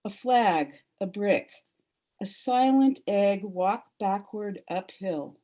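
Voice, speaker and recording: A woman giving a solemn, deliberate poetry reading as a guest reader. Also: mid-range voice, animated, warm tone. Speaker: poet reading at a memorial.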